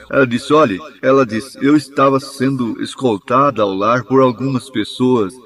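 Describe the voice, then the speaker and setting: A man giving a measured, even reading of a translated sermon. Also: medium pitch. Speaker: sermon interpreter.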